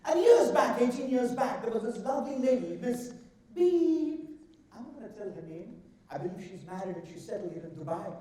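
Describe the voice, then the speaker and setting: A man's voice: high-pitched, mellow. Echoey Indian man giving a humorous speech. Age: middle-aged. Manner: theatrical, deliberate delivery with drawn-out emphasis. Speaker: contest speaker. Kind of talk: humorous rehearsed speech to an audience. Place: large indoor event hall. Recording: echoey hall, far from the mic.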